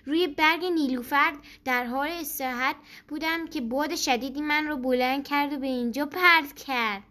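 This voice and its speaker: A woman's voice: high voice, bright, forceful tone. A woman voicing a small, earnest childlike frog in a children's storybook reading.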